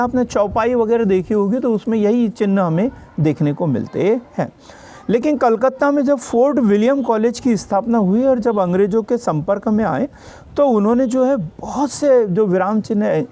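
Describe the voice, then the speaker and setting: A man's voice: high-pitched, mellow. A man teaching a grammar lesson for exam preparation. He explains patiently, repeats each definition and checks in with his students.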